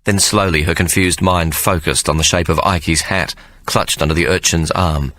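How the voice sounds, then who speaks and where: Deep-voiced male audiobook narrator. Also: fairly even intonation, normal speed, pushed and bright, a little hiss or hum. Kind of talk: scripted narration.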